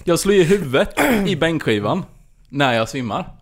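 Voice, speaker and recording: A man's voice: on the high side, heavy background noise. A man hosting a podcast, telling a story in casual chat and acting out what people said. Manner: animated storyteller, acts out dialogue. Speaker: podcast host.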